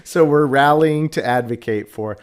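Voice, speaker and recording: A man hosting a casual live stream, with a mid-range voice that is neither high nor low. He tells a long, jokey story in a loose, rambling way. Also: normal speed, clear, resonant tone. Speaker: host.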